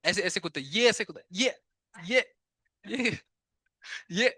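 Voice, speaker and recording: A man teaching physics to a live class, chatty and quick to tell students to stop talking and pay attention, mixing English terms into his Hindi and asking questions he answers himself. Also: high-pitched, expressive, bright, forceful tone, husky, no room sound, studio quality.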